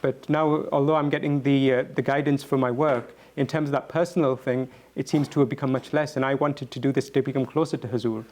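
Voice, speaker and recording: Man, mid-pitched, earnest, halting, reflective, repeats words, answering questions. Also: fairly even intonation, darkish tone. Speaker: guest speaker answering questions.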